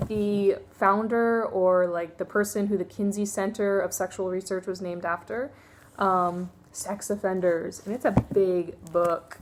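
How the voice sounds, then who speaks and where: Young woman, casual vlog book review, mid-pitched, candid and chatty with frequent fillers. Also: slight background noise.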